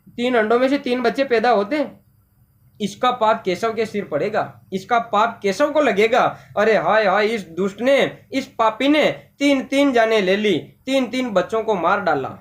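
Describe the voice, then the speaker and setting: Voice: medium pitch, a little slow, close to an everyday voice. A teacher reading a Hindi story aloud and voicing a mother who scolds her son. The mother wails and scolds as she speaks. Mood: scolding. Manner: wailing, scolding. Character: scolding mother lamenting over broken eggs.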